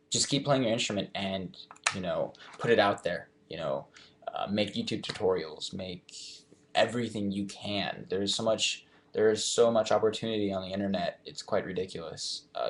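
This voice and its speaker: A man's voice: on the low side, a little hiss or hum. A young man in his twenties answering fan questions in a casual live chat, reading each question aloud and then thinking it through.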